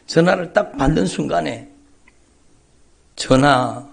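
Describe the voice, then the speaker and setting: Gravelly, high-voiced pastor preaching. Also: male voice, slow, a little hiss or hum. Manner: dramatic storytelling with swings between loud cries and hushed whispers. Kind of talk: emotional sermon testimony. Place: large church sanctuary.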